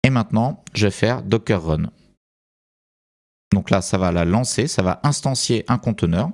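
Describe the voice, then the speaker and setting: Low-voiced Frenchman thinking aloud. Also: lively intonation, moderate pace, gravelly, a little mellow. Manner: thinking aloud, hesitant with many fillers. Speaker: tutorial presenter. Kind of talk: unscripted screen-recorded tutorial.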